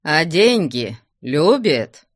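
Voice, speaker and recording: A man playing a brisk young merchant. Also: fairly high pitch, sing-song, dry recording, studio quality, heavily acted. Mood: coaxing. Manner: hailing and coaxing, offering drink.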